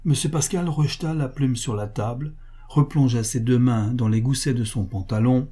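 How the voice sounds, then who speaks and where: A man narrating a classic novel aloud in a steady, formal manner. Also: medium pitch, normal speed, slightly rough. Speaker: audiobook narrator.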